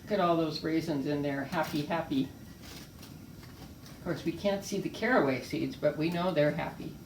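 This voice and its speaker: With a low-pitched, darkish voice at a moderate pace, an older woman tastes the food and gushes about it while co-hosting a casual home cooking demo. She's recorded in a room in a retirement community home, where the echo, her distance from the mic and a faint hiss are all audible.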